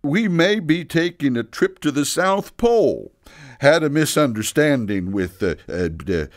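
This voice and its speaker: A man playing Santa as an earnest, flustered older father who speaks haltingly in a children's audio story. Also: a little high, expressive, no room sound, studio quality. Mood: exasperated. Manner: halting, emotional, deliberate pauses.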